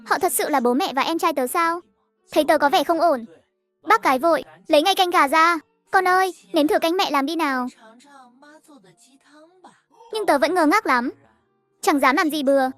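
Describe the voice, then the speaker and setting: A woman narrating a cartoon story in a steady, even storytelling voice, over faint music. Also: high voice, brisk.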